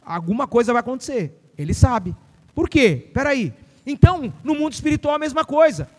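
Brief: middle-aged pastor, very high voice, emphatic sermon, big hall reverb. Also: male voice, big pitch swings, brisk. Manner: fiery, emphatic declarations with acted-out quotes.

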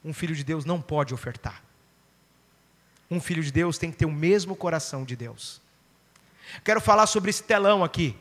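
A Brazilian man preaching to a church congregation, telling a story with lively acted-out voices. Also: fairly high pitch, normal speed, long pauses, long reverb tail. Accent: Brazilian Portuguese. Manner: animated storyteller, acting out quoted voices. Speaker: pastor. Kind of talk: sermon with storytelling.

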